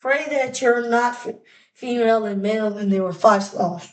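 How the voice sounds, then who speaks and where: A woman's voice: fairly high pitch, normal speed. A woman giving casual, rambling reaction commentary in slangy, mock-exasperated rants. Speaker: video creator reacting to clips.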